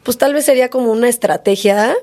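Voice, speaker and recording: A woman's voice: on the high side, fast talker, a little mellow. Woman, chatty host. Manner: chatty, frequent fillers. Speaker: podcast host. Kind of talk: casual chat.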